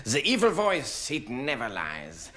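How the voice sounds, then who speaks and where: An actor playing a pompous, world-weary gentleman detective with a French accent and grandiose formal phrasing in a murder-mystery parody. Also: mid-range voice, wildly swooping pitch, background noise. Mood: wry certainty. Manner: grandiose, formal, drawn-out pronouncements.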